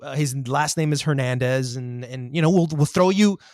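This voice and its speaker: Guy playing a laid-back director buddy, smooth talker, dry close sound. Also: medium pitch, normal speed, a little mellow, no room sound, voice pushed down, lightly acted. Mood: coaxing. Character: casual male film director persuading a friend.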